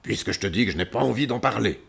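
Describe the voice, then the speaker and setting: A man's voice: fairly low pitch, lively intonation, fast talker, creaky, fairly bright tone, slightly rough, full character voice. A man voicing a grumpy, lonely male lion, the king of the animals, who talks in a sulky, growling way in a children's story. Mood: angry.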